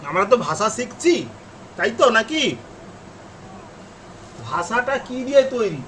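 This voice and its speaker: Bright high-voiced man teaching grammar. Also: big pitch swings, a little hiss or hum, rough recording. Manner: asks questions and answers them himself; repeats examples slowly and patiently. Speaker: English teacher. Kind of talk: classroom lesson explaining grammar.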